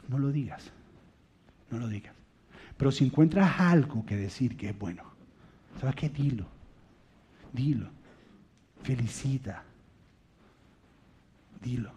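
A man in his thirties or forties preaching a sermon, telling family stories in an animated way and dropping to a soft, quiet voice to stress a point. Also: medium pitch, unhurried, pauses often, husky. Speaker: pastor. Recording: dull lo-fi recording.

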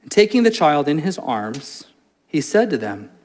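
A man's voice: a little high, moderate pace. A man preaching a sermon as a pastor, telling a funny story with lots of jokes before turning to scripture teaching. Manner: storytelling, animated and joking.

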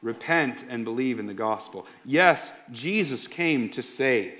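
A pastor preaching a sermon in an emphatic, slow and deliberate way. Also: male voice, medium pitch, lively intonation, fairly bright tone. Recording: dull lo-fi sound.

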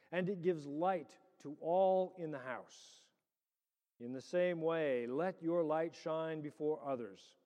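A man's voice: on the high side, dark tone. Male pastor preaching in a reverberant hall. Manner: measured, deliberate church delivery in short phrases. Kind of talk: sermon with prayer and scripture reading. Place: large reverberant church.

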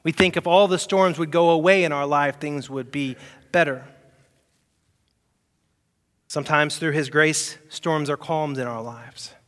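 A man preaching a Sunday sermon as pastor, asking the congregation rhetorical questions and swinging between loud emphatic peaks and soft, quiet asides. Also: on the high side, unhurried, long pauses, in a large hall.

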